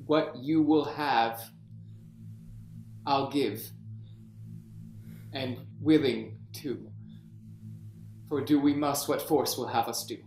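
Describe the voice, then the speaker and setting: A man's voice: mid-range voice, darkish tone, faint music behind, lightly acted. An actor playing a proud, wounded, deposed king in a declamatory Shakespearean reading. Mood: resigned. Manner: declamatory, deliberate. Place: indoors, remote video call. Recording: roomy, echoing home recording.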